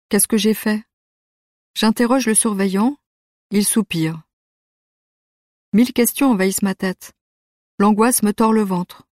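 A woman reads a youth novel aloud in the first person, steady and measured. Her pitch is middling, and the recording is close and dry with no room sound. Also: no echo. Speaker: audiobook narrator. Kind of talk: scripted narration of a youth novel.

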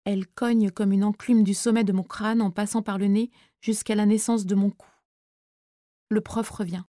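A woman reading a first-person audiobook in a quiet, weary, intimate manner. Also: mid-range voice, level tone, moderate pace, no room sound, clean studio sound. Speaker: audiobook narrator.

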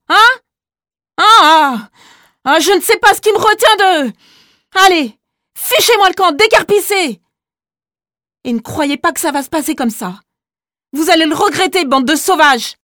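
A woman reading a protective middle-aged male teacher who yells in fury at some moments and soothes softly at others, in an audiobook. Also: medium pitch, fairly even intonation, normal speed, pauses often, no room sound, clean studio sound, lightly acted. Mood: furious. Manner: furious yelling, then gentle and soothing.

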